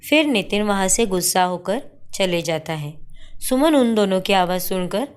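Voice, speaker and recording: A woman narrating a cartoon story in a plain, steady voice. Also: mid-range voice, moderate pace, clean tone.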